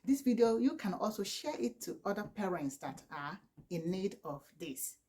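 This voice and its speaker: Her pitch sits in the middle but swings widely, at a normal pace and with a mellow quality. She is a Nigerian-accented woman in her forties from southeastern Nigeria, a native Igbo speaker, vlogger, and mother of four. She pleads earnestly to camera, saying "please" often and restarting frequently.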